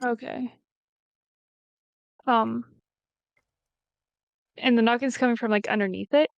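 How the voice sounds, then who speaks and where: Female player, gravelly, casual and tentative, dry close mic. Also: fairly high pitch, steady tone, slow, no echo, lo-fi sound. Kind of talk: casual tabletop play.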